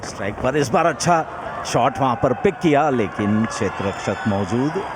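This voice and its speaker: Male cricket commentator in loud noise. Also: medium pitch, expressive, normal speed, a loud crowd. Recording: loud outdoor stadium noise. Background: loud outdoor ambience.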